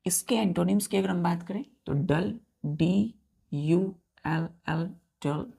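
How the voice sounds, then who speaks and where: A male teacher with a gravelly, dark voice that sits high runs a vocabulary lesson. He spells words out letter by letter, counts aloud, and often speaks directly to his students, repeating key words slowly and drawing them out.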